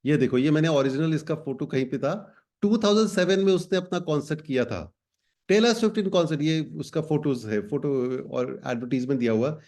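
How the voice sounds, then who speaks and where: A man's voice: on the high side, fairly quick, darkish tone. A man teaching a class of students in a chatty way, switching between Hindi and English phrases. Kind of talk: explanatory class talk.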